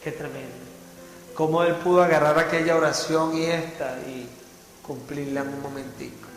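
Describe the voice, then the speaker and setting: A man's voice: on the high side, steady tone, moderate pace. A man preaching a sermon as pastor, fervently asking the congregation rhetorical questions. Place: church hall. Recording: echoey church hall, faint music.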